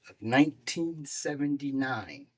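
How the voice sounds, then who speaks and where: A man in his sixties, a doctor and guest on a talk show, telling his life story in a lively way, acting out the voices of people he quotes. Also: mid-range voice, unhurried. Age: 60s. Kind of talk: casual storytelling.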